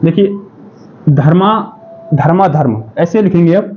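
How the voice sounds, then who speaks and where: Male exam-prep tutor, high voice, drilling by call and answer, dull lo-fi recording. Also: a little slow, slight background noise. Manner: repeats questions and answers them himself, says "ठीक है" often. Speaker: exam-prep Hindi teacher. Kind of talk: classroom-style lesson. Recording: dull lo-fi sound.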